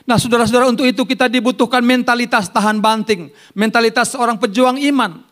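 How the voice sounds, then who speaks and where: Male pastor, Indonesian accent, high voice, lively sermon, jokes with the congregation. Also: fast talker. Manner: animated preaching with loud rises and soft asides.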